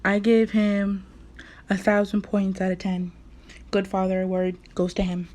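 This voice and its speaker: A woman's voice: mid-range voice, completely flat delivery, measured pace, darkish tone. A woman hosting a reaction video, chatting in slangy, profane talk full of fillers, sounding tired after a nap. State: tired, just woke from a nap. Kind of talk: casual reaction commentary.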